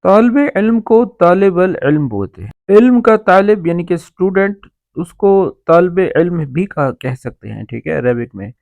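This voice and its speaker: A man teaches Arabic vocabulary in a slightly high voice. He explains each word step by step and keeps asking whether the listener follows. The recording is dry and close. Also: big pitch swings, gravelly, no room sound, phone-quality sound. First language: Urdu. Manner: explains each word, often checking "ṭhīk hai?". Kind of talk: vocabulary lesson.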